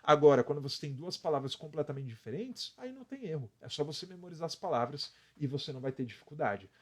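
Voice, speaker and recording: A man's voice: a little high, animated, fast talker, a little mellow, husky. A Brazilian man teaching English on a live stream, explaining step by step, counting out letters and often adding a tag question. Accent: Brazilian Portuguese.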